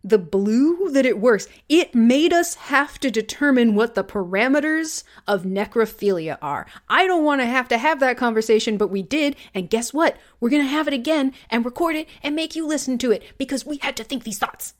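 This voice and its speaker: A woman's voice: high voice, expressive, moderate pace, hardly any pauses. Woman cohost on a movie podcast, dry sarcastic jokes, chatty and loose. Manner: wry, sarcastic, reads critics' blurbs aloud. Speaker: podcast co-host. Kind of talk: casual chat.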